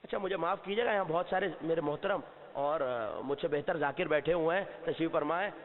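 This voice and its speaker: High-voiced man preaching in a reverberant hall. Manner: impassioned, rising to shouts at key points; asks the audience questions and answers himself. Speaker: Shia cleric giving a majlis sermon. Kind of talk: sermon. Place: mosque or hall before a seated gathering. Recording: long reverb, tinny phone-like sound.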